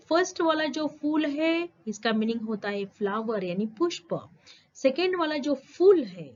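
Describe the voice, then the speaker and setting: A woman's voice: a little high, muffled recording. A woman teaching a school lesson to children, patient, repeating words and asking questions back. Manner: slow, patient, repeats and quizzes the listener.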